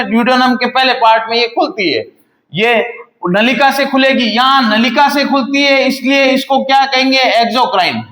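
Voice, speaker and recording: A high-pitched man with a bright, ringing voice teaches from a whiteboard. He asks the class questions and answers them himself, and he stretches out key to drill them in. His throat sounds a little sore, and the room around him is echoey. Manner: repeats key terms slowly for emphasis. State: slightly sore throat, clears it now and then. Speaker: paramedical teacher. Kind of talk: classroom lecture on video.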